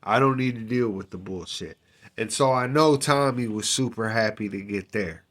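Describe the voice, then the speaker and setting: A man's voice: on the low side, a bit bright. Casual man telling a prison story. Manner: street slang, frequent fillers and profanity, unhurried. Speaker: storyteller recounting his time in prison.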